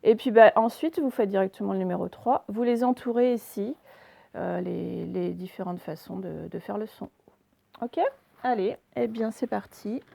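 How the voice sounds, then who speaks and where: A woman teacher giving a recorded phonics lesson for young children, saying words slowly and over-articulating them, with repetitions and fillers. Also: medium pitch, creaky, dark tone. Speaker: primary school teacher.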